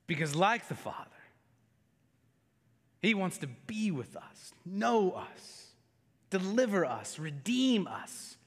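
A male pastor preaching in a church, his voice sitting high for a man. He retells scripture in casual, everyday phrasing, rising to intense pleading and dropping to a hushed near-whisper. The sound carries a long reverb from the church hall. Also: very animated, slow pace, long pauses. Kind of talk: sermon. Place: church sanctuary.

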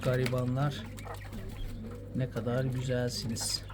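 In a casual vlog, a Turkish man shows off his quails, speaking to them fondly and soothingly. His voice sits at a medium pitch and stays completely flat, with an unhurried pace. Bird noise fills the recording, with pigeons cooing in the background.

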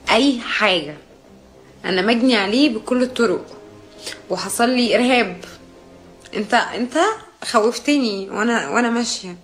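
A young woman from Jordan telling a personal account in a distressed, agitated way, halting and restarting as she talks. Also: on the high side, fairly bright tone.

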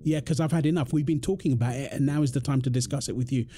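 Very fast and lightly acted, a British man's warm, mid-range voice plays a protective husband fed up with his overbearing mother-in-law. The ASMR roleplay drama monologue is confrontational, and he speaks emphatically and angrily. A faint hiss or hum sits in the background.

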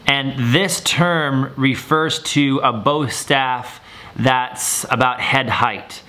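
A man's voice: mid-range voice, extremely slow, bright, forceful tone. A young man, a martial arts instructor, explaining terms in a video lesson and repeating words for viewers to copy.

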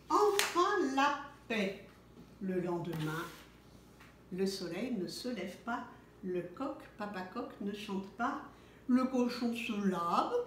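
A woman slowly reading a picture book aloud to small children, very expressive and sing-song, in an echoey room. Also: mid-range voice. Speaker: storyteller for children. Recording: echoey room with faint noise.

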